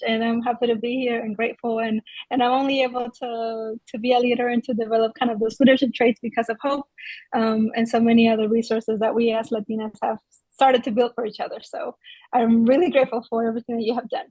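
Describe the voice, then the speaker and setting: A young woman in her twenties from Venezuela, moderating a webinar interview in a grateful, measured way. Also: a little high, flat delivery, a little mellow, no room sound, poor audio.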